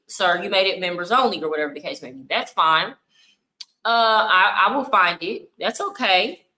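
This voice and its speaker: A woman's voice: mid-range voice, sharp tone, reverberant, low-quality recording. A young woman, streaming and commenting bluntly on clips in casual talk. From United States. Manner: blunt, scolding, talks over clips.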